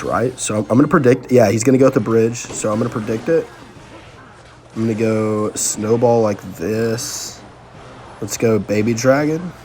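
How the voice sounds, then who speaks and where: A young man giving casual, excitable live commentary on his own gameplay, talking slangily to his viewers. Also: medium pitch, a little hiss or hum. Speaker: gaming channel host. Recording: faint music underneath.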